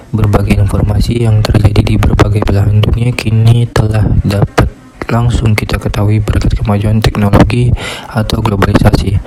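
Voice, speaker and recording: A young man presents a class report, reading steadily from his script in a low voice. He keeps an even, monotone delivery. A loud hiss runs under the whole recording. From Indonesia. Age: young adult. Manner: steady, reads from a script in a flat tone. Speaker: student.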